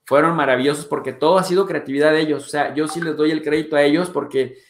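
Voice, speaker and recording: A Mexican man with a Mexican accent hosting his show, talking in a chatty, animated way with playful swearing. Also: on the high side, fast talker, reverberant, slight background noise. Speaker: host. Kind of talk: animated casual monologue.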